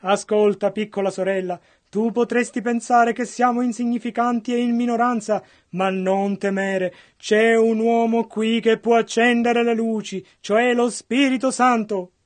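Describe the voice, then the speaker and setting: A man interpreting a sermon with earnest, close phrasing. His voice is strikingly high for a man, and he speaks in short stretches between the preacher's lines. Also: fairly even intonation, a little slow, few pauses.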